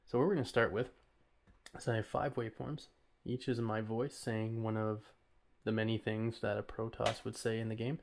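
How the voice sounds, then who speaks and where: A man hosts an informal audio tutorial, walking through each step in a casual, somewhat hesitant way as he records a voice-over while working at his computer. His voice is low-ish and creaky, his delivery flat, his pace moderate.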